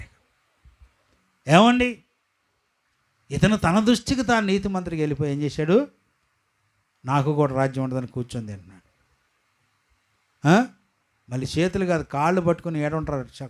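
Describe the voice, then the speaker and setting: A male pastor, preaching a sermon to a church gathering, calling out emphatically to the listeners and swinging between loud and hushed delivery. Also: on the high side.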